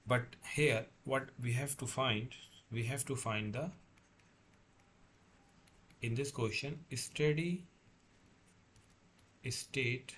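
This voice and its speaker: A man's voice: medium pitch, fairly bright tone. Guy lecturing thru a worked problem, stop and start, repeats himself, bit of noise behind him. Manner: lecturing, halting, repeats and self-corrects. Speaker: engineering tutor. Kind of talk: lecturing, working through a problem step by step.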